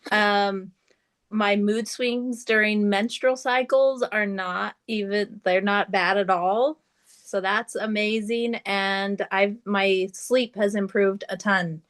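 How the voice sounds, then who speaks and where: A woman speaks as a guest on a video call, upbeat and candid. Her voice sits at an ordinary middle pitch. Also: fairly even intonation, slow, a bit bright. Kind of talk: casual chat on a video call.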